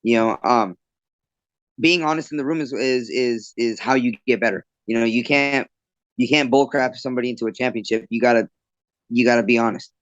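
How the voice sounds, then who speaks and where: A man's voice: medium pitch, fairly quick, no room sound, dull audio. A man, a fighter and bartender, telling stories in a casual interview, loose and rambling with lots of fillers and restarts.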